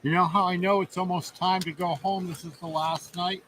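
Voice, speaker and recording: A man's voice: high-pitched, level tone, fairly quick, a bit bright, a little hiss or hum, low-quality recording. A man co-hosting a casual live stream, joking in an easygoing way.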